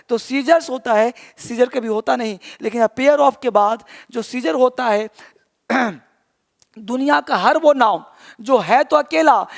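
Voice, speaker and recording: A man's voice: extremely high pitch, creaky, long reverb tail. A man teaching an English grammar class online, explaining step by step and often calling his students children.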